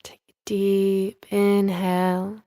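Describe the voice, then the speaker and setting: Leading a guided yoga nidra session as the teacher, a woman speaks at a medium pitch in a monotone. Her delivery is soothing, measured and instructional, with gentle pauses. The recording is studio quality, with no room sound.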